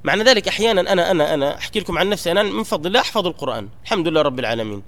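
A man delivers an earnest exhortation to his students, rising emphatically at key points. His voice sits high for a man, and his words come quickly. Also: animated, a bit bright. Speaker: Quran memorization program teacher.

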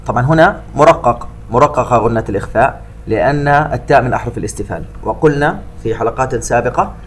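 A man teaching Quran recitation rules, drawing out each verse slowly and melodically, then explaining the rules in a brisk lesson voice. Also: mid-range voice, slight background noise. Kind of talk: tajweed lesson alternating slow recitation and explanation.

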